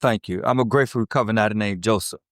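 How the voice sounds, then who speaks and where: A man in his fifties from Chicago's South Side, with a Chicago accent, gives a blunt, streetwise, profane recovery testimony to a meeting, often checking in with "right?" asides. His fairly low voice is very fast and a bit bright, in a dry, studio-quality recording.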